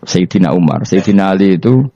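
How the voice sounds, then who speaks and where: Low-voiced Javanese-accented male preacher. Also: fast, warm tone, no room sound, muffled recording. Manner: storytelling with frequent laughter and asides. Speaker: Islamic preacher. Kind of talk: religious study lecture.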